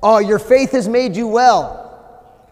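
A priest in his forties preaching a sermon in a large church, animated, with swings from loud emphasis to a near-whisper. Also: high voice, takes it slowly. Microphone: far camera, no visible mic. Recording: long church reverb.

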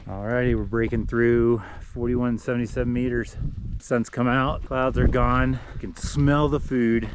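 Out on a windy mountain trail, and occasionally inside a small shelter, a forties-aged adventure racing vlogger casually narrates his hike into an arm's-length action camera. He speaks at medium pitch in a level tone and measured pace, over a noisy background.

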